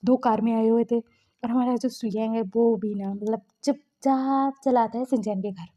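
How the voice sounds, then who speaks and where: A woman's voice: a little high, fairly even intonation, measured pace, dark tone. Chatty woman narrating fan fiction. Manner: chatty, loose, many fillers. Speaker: storyteller.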